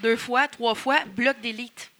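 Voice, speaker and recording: A woman's voice: a little high, steady tone, takes it slowly, bright, forceful tone, slight background noise. A woman with a Quebec French accent, a wrestler speaking bluntly and outspokenly as a podcast guest. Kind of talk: casual podcast conversation.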